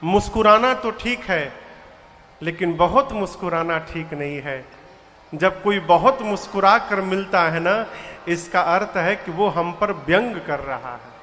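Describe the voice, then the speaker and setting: A man with a high, bright voice tells a devotional story slowly to a gathering. He speaks in a folksy way with humorous asides, and his voice rings in a hall with a long echo and faint music behind. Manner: chants verses in a singing voice. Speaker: religious storyteller.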